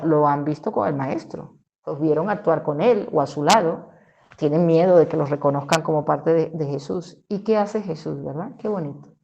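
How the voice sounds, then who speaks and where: A woman leading a Bible study, teaching in an animated way with rhetorical questions and frequent laughs. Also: on the low side, a little hiss or hum. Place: church parish hall.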